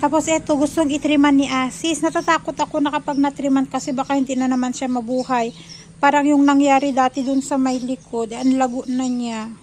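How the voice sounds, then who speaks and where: A woman's voice: sits high, level tone, brisk, darkish tone, rough recording. A woman chatting casually in a home vlog, narrating outdoors in her garden while recording on a phone. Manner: chatty, mixing Tagalog and English. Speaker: vlogger. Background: faint outdoor ambience and tractor noise.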